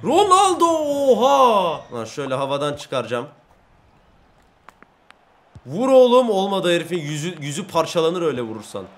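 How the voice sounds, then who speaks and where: A young man commentating his own football video game match, excitable and often frustrated, yelling at goals and misses. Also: on the high side, fairly quick, long pauses. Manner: excitable, yells at goals and mistakes. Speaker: gaming YouTuber. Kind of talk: gameplay commentary.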